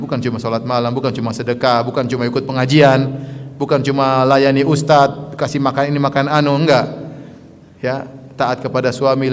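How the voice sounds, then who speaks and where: A man's voice: medium pitch, slight background noise. Man preaching in a reverberant hall. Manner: tags nearly every phrase with a short "ya"; earnest, with playful asides and mock dialogues. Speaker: Islamic preacher. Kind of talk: sermon to a women's study circle.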